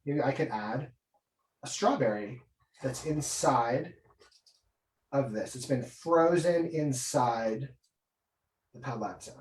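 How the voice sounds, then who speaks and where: In a roomy, echoing space far from the mic, a man with a mid-range, slightly mellow voice demonstrates drawing as a guest illustrator. He talks it through casually and eagerly, musing out loud as he works.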